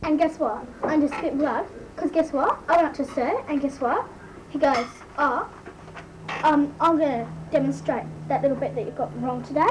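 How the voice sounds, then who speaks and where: Woman doing Kylie Mole, high-voiced bratty Aussie schoolgirl. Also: moderate pace, lightly acted. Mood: mortified gossiping. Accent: Australian. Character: gossipy, easily embarrassed Australian teenage schoolgirl, bratty mole character. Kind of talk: amateur comic impression monologue. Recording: noisy amateur recording, distant mic.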